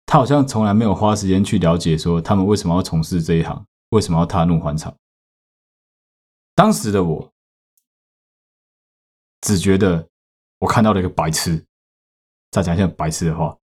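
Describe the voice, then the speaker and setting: A man with a Taiwanese Mandarin accent tells a story in a low, deep voice. He talks casually as a podcast host, cursing freely and breaking into loud outbursts. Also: fairly quick, long pauses, slightly rough. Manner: profane, with sudden loud outbursts.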